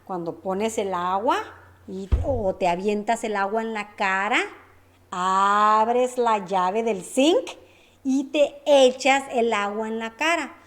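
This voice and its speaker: A woman's voice: mid-range voice, slow pace. A woman teaching a lesson, running repeat-after-me drills and checking in with short questions. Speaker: Spanish teacher.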